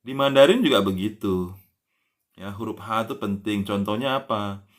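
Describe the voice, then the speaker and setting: A man with a fairly low voice gives a relaxed live-stream language lesson. He stretches example words out slowly and spells them letter by letter. Nearly every phrase trails off with a gentle "ya". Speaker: language teacher.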